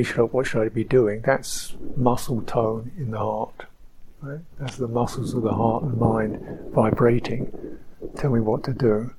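A man giving a slow, reflective dharma talk as a meditation teacher on a retreat, pausing often. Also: medium pitch, a little hiss or hum, rough recording. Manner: slow, reflective, soft-spoken with pauses. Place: retreat centre hall.

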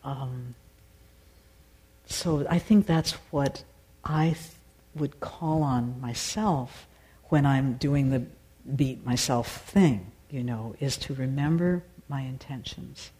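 A woman who teaches meditation and sings answers listeners' questions once her dharma talk ends. Her bass voice is mellow, and she thinks aloud with many pauses and restarts.

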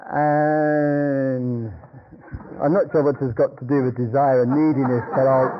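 Rambling older man telling a story. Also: a little high. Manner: rambling storyteller, chuckling, many restarts. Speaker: meditation teacher. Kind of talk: dharma talk with anecdotes. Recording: dull lo-fi talk recording.

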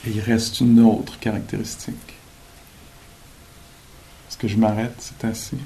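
A man giving a dharma talk at a meditation retreat, thoughtful and gently joking, pausing often with fillers. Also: on the low side, little pitch movement, poor audio. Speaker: meditation teacher.

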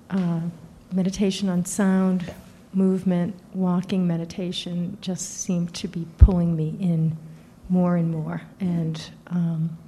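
A woman, a retreat participant, introducing herself to the group in a soft, hesitant way. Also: lowish voice.

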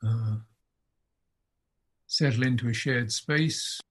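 A Buddhist monk and meditation teacher with a husky, mid-range voice leads an unscripted guided meditation. He speaks contemplatively, leaving long pauses between short phrases.

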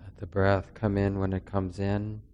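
Slow, calm man guiding breathwork. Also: low voice, dull audio, slight background noise. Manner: slow, soft-spoken, calming. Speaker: meditation teacher. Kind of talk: guided breathing meditation.

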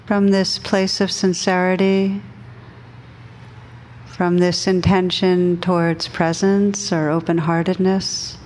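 Speaking gently and without hurry, a woman leads a group in guided meditation, leaving long pauses between her phrases. Her voice sits on the low side.

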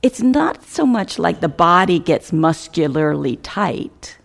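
Her voice sits on the low side with vocal fry, yet it's animated as she leads a guided meditation. She speaks in short, measured phrases separated by pauses, letting each one fade softly at the end.

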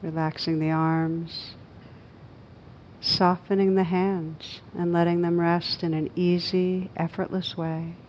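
This meditation teacher, a woman, leads listeners through a guided session in an even, low voice. Short instructions arrive with pauses between them, phrased in a gentle, unhurried way. The audio is slightly dull and carries a little background noise.

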